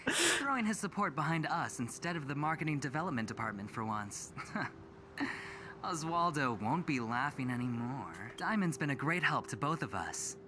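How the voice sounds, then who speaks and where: An actor playing a smug, charming young male gambler executive who talks in a teasing, smooth way. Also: a little high, very animated, moderate pace, background noise.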